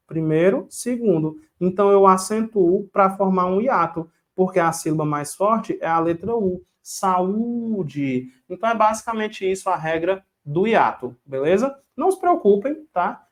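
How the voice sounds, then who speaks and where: A man teaching an online exam-prep grammar lesson, quizzing the viewers and drilling rules with repetition and a rhyme. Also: high-pitched.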